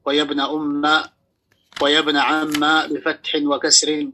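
A man's voice: on the high side, completely flat delivery, moderate pace, sharp tone, a little hiss or hum. A male student reading a text aloud to his teacher.

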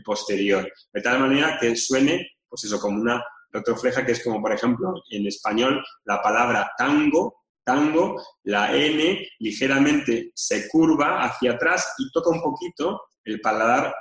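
A man, lecturing a class in a halting way with many fillers and self-corrections, chanting Sanskrit words slowly. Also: mid-range voice, a bit bright, roomy sound. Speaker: teacher.

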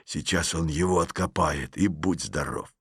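A man's voice: low-pitched, very animated, measured pace, gravelly, no echo, studio quality, full character voice. A man voicing an eager schoolboy who keeps whispering spoilers during a film. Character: schoolboy Petrov, chatty know-it-all.

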